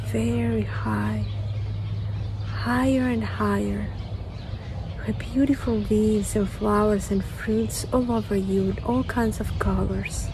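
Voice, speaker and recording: A middle-aged woman leading a guided meditation in a slow, gentle, soothing manner, with repeated phrases and chanted invented syllables. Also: mid-range voice. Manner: slow, gentle, soothing, with repetition and long pauses. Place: outdoors in a garden among trees. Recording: outdoor ambient noise with chirping birds.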